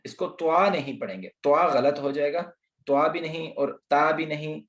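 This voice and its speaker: A man's voice: on the high side, moderate pace, fairly bright tone. A man teaching Quran pronunciation in an online lesson, patiently explaining and repeating letter sounds for practice. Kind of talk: slow online tajweed lesson. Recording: roomy echo.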